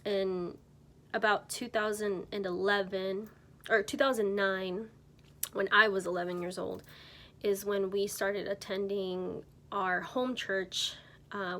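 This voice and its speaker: Speaking with a mid-range, fairly bright voice over slight background noise, this church member tells her personal faith testimony to camera. She's in her twenties, from Mexico, and her delivery is loose and unpolished, with lots of ums and self-corrections.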